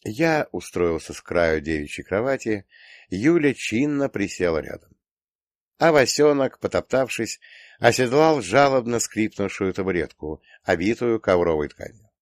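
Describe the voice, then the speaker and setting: Expressive male audiobook narrator, dry sound. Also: lowish voice, normal speed, dry recording. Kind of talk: first-person audiobook narration.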